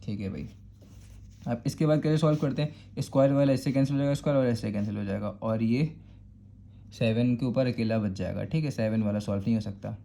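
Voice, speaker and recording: A man's voice: medium pitch, fairly quick, gravelly, mellow. Patient Karachi Urdu man teaching math. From Pakistan. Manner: patient, repeats "thik hai" to check understanding. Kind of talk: step-by-step math lesson.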